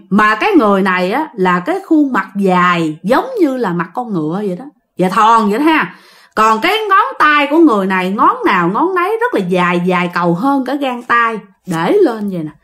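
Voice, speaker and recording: A woman's voice: on the high side, a bit bright. A woman telling a ghost story in a chatty way, talking straight to her listeners.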